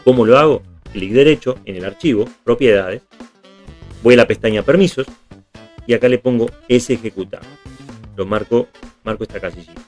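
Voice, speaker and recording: A man's voice: mid-range voice, brisk, long pauses, darkish tone, faint music behind. Patient man teaching code. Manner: patient, step by step, checks in with "¿está bien?". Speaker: programming teacher. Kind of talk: screen-recorded tutorial.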